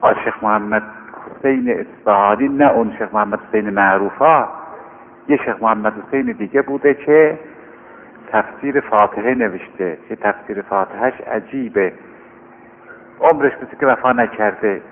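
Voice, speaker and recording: A cleric talking to young seminary students in an informal, conversational sermon, earnest and pleading, slowing down to recite scripture. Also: male voice, lowish voice. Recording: tinny lo-fi recording with long hall reverb and faint hum.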